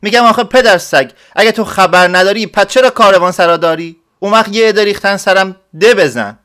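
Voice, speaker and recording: A man voicing a short, flustered village man who pleads loudly and indignantly in a storybook reading. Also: on the high side, lively intonation. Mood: indignant shouting.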